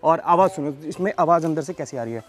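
A man's voice: fairly high pitch, animated, quick pace, soft background music. A young man hosting an experiment video in an open field, casually explaining and calling out instructions to a helper. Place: open grassy field outdoors.

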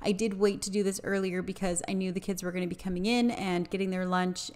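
Low-voiced woman narrating her chores. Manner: plain, explanatory, matter-of-fact. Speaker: cleaning vlogger. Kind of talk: voice-over narration.

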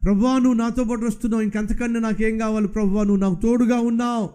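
A man's voice: high voice, level tone, very fast, mellow, clean tone, close to an everyday voice. A man voicing a poor, suffering man who pleads and questions God in a sermon story. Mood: pleading.

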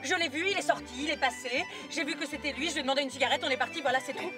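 A woman's voice: high-pitched, racing, close to an everyday voice. An actress playing a flustered young woman friend who stammers, repeats words and snaps back defensively. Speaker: best friend on the phone. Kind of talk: film acting. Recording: film soundtrack with music underneath.

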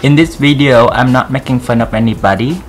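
A man's voice: mid-range voice, brisk, a little hiss or hum. A man from Vietnam with a thick Vietnamese accent, speaking earnestly to camera in simple, broken English to encourage others. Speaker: vlogger. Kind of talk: encouraging vlog talk to camera.

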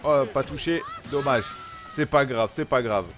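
A man from France, a gaming YouTuber, talking chattily through character setup and gameplay with lots of quick exclamations. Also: mid-range voice. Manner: excitable, chatty, punctuates action with exclamations. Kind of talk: gameplay commentary.

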